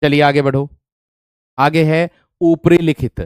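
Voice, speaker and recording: A man teaching an online spelling class in a smooth, resonant voice. He repeats each word and quizzes his students with rhetorical questions. The recording is dry and close, with no room sound. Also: a little high, little pitch movement, takes it slowly, no echo. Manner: repeats words, asks rhetorical questions, calls listeners "my friend".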